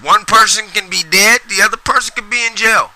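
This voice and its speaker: Middle-aged male podcast host, high bright voice, rambling profane solo rant. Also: a little fast, low-quality recording. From Sacramento, US. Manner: profane, rambling, emphatic with repetitions.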